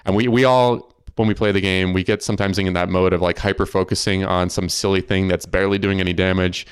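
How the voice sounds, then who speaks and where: Podcast host man, very low voice, smooth, dry close sound. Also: fast, dry recording. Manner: relaxed, curious, asks follow-ups. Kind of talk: casual interview chat.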